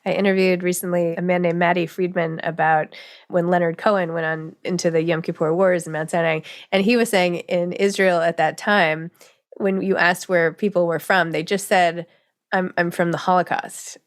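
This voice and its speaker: A middle-aged woman hosting an interview, chatty and rambling with quick asides. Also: on the low side, level tone. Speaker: podcast host. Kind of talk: conversational interview.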